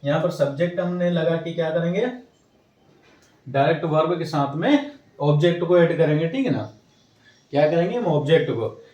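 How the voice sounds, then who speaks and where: A man with a fairly high voice teaches a language lesson and keeps checking that his listeners follow along. He poses questions and answers them himself, speaking some way off the mic in an echoey room. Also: expressive, moderate pace, pauses often, dark tone. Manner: repetitive, checks in with "ठीक है ना" often. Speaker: English teacher. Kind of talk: classroom-style language lesson. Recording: roomy echo, mic set at a distance.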